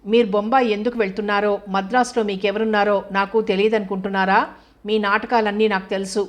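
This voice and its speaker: A woman's voice: medium pitch, level tone, quick pace, lightly acted. A woman voicing an angry, hurt young wife who accuses her husband with bitter sarcasm. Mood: bitter, reproachful.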